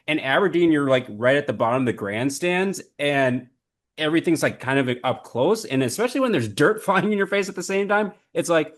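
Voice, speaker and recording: A man's voice: a little high, a little fast. A young man hosting a racing podcast who also announces races, talking animatedly and laughing as he recaps. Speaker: podcast host and race announcer.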